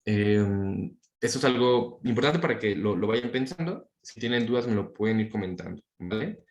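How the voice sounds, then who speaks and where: A man's voice: lowish voice, lively intonation, moderate pace, darkish tone, echoey room, muffled recording. Chatty young man lecturing. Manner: conversational, many fillers and tag questions. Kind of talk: university talk on inclusive language.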